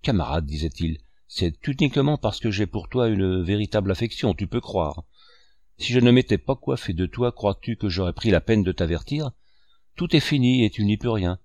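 A man voicing a sly, wheedling middle-aged pirate cook who coaxes and pleads in a low voice. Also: lively intonation, normal speed, darkish tone, no echo. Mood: coaxing. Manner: coaxing, pleading.

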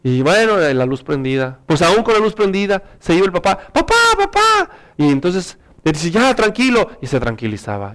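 A male pastor preaching a sermon, telling a story and reading scripture in an earnest, animated way. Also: clean tone. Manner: earnest and animated, rises in pitch for emphasis.

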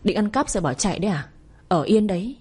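A woman voicing a spiteful older mother-in-law who scolds, accuses and wails in a shrill voice. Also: lively intonation, fast talker, darkish tone, breathy edge. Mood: sneering.

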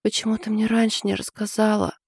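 A woman voicing a stern, practical older sister with a blunt, sharp-tongued manner. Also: medium pitch, flat delivery, fairly quick, gravelly, husky, no room sound, clean studio sound, pitched above the performer's own voice.

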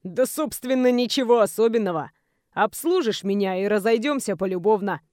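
Brief: woman voicing a lewd, taunting young male bully in a storybook, pushed lower and with a thicker, altered timbre. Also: moderate pace, darkish tone, no room sound, clean studio sound, natural voice. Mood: sneering threatening. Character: arrogant blond male student, crude blackmailing bully.

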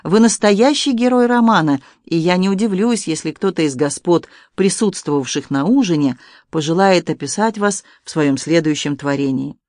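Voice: mid-range voice, expressive, moderate pace, darkish tone, dry recording, studio quality, close to an everyday voice. Reader voicing a wry shrewd detective. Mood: admiring.

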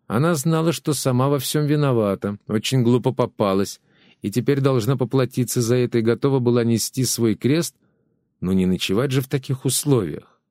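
A man reading an audiobook in calm, measured scripted narration. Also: medium pitch, no echo, clean studio sound.

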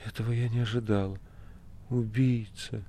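A man's voice: lowish voice, normal speed, natural voice. A man reading the part of an impassioned, distraught young woman in an audiobook, crying out with emotion. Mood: faint, stunned.

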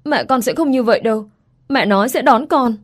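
A woman's voice: on the high side, a little fast, pitched above the performer's own voice, natural voice. Woman doing a tearful little girl. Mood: pleading. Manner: pleading, tearful. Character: crying eight-year-old girl.

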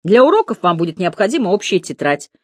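A strict male schoolteacher in a storybook reading, giving firm, commanding orders to a noisy class, as a woman narrator puts him on. The voice swings widely in pitch, and the recording is close and dry. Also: sing-song, fast, a little mellow, no room sound. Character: stern young male geography teacher. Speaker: teacher.

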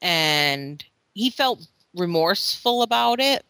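A woman's voice: fairly low pitch, lively intonation, slow pace, sharp tone, no room sound. A woman on a podcast in casual chat, speaking frankly as a parent and retelling family moments. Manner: frank, quotes her child in retelling.

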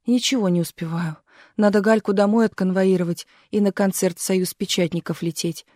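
A woman's voice: mid-range voice, steady tone, brisk, mellow, no echo, clean studio sound, close to an everyday voice. A woman voicing a pushy young actress and mother who rattles on indignantly. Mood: hurried. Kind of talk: audiobook character voice.

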